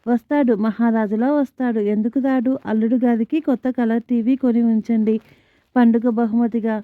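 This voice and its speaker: A woman voicing a sharp-tongued young married daughter who talks in a sarcastic, curt way. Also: fairly high pitch, fairly even intonation, moderate pace, no room sound, natural voice. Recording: tinny phone-like band, dry.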